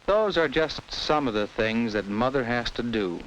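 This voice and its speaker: With a lively, varied lilt, a mid-pitched American male voice guides young viewers through a children's educational film scripted in the manner of the 1950s, keeping his explanations simple and instructive. Faint noise sits under the old film soundtrack; the pace is normal but the audio is poor.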